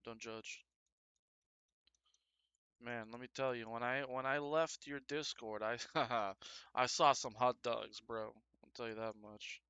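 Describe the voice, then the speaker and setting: A man's voice: mid-range voice, steady tone, slow, pauses often, sharp tone, clean tone, no room sound, muffled recording. A man live-streaming as he sculpts, chatting casually and trading crude jokes with his viewers while he works. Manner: joking, crude banter with chat; talks while working.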